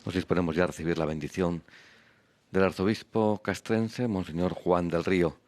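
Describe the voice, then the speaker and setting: A man's voice: low-pitched, steady tone, moderate pace, no room sound. A man commentating on a religious broadcast of a Mass. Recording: loud music under the voice.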